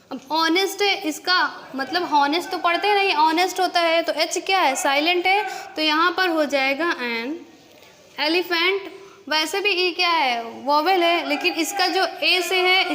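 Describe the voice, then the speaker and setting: High-voiced woman teaching grammar. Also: fairly bright tone, in a large hall. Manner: asks rhetorical questions and answers them herself. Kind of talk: classroom-style grammar lesson.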